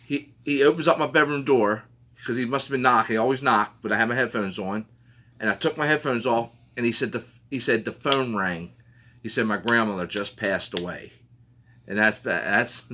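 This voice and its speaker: A man's voice: medium pitch, bright, forceful tone. A man co-hosting a paranormal live stream, telling personal stories in an earnest way and repeating himself for emphasis. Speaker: paranormal investigator, co-host. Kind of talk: casual storytelling on a live stream.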